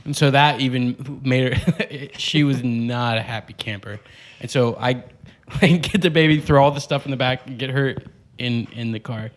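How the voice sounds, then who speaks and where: A man in his thirties, a podcast co-host, talking casually in halting, loosely built sentences full of filler words. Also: medium pitch. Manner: halting, conversational, peppered with "like". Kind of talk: casual storytelling and banter.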